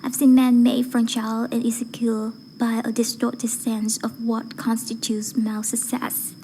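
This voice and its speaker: A voice acting learner, a woman with a fairly high and very mellow voice, recites a rehearsed public speech. She is careful and earnest, keeping a level tone with little rise and fall at an unhurried pace. The recording is low quality, with faint background noise.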